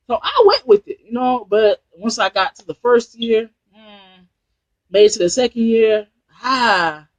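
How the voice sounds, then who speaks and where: An online business trainer from New Jersey, his voice sitting high, livestreams casually through a Bluetooth headset. The recording is dry with the highs cut off, and his motivational advice wanders as he restarts and repeats phrases.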